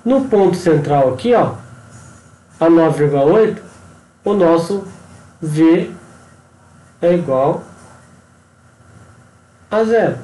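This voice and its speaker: A man's voice: a little high, animated, slow pace, long pauses, dark tone, reverberant, poor audio. A man with a Brazilian Portuguese accent, working through a worked engineering problem on screen and checking in often with the listener. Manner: explanatory, frequent tag questions and pointing words. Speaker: engineering instructor. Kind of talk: screen-recorded tutorial walkthrough.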